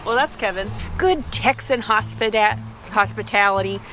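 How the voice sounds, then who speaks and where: A woman chatting casually as an RV travel vlogger, playful and quick to laugh. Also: medium pitch, loud music behind the voice. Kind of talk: casual vlog chat.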